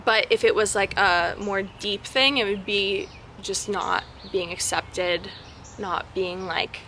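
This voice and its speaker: Young woman, bright forceful voice, mid pitch, candid slangy Q&A chat, vlogger, outdoors with faint background noise. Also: steady tone, slow. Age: young adult. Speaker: vlogger answering viewer questions. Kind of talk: casual chatty Q&A. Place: backyard, outdoors.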